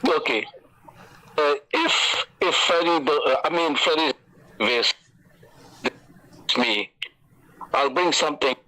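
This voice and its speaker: A man calling in to a radio show, speaking haltingly over a bad phone connection that keeps breaking up. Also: fairly high pitch, bright, forceful tone. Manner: halting, hesitant. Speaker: caller. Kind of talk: call-in radio comment. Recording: distant, cutting-out phone line.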